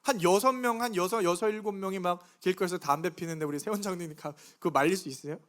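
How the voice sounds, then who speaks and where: A middle-aged man preaches a Sunday sermon in a church, his voice sitting fairly high. He talks in a chatty, conversational way and keeps throwing questions to the congregation. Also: fast talker, fairly bright tone. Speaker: pastor. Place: church sanctuary.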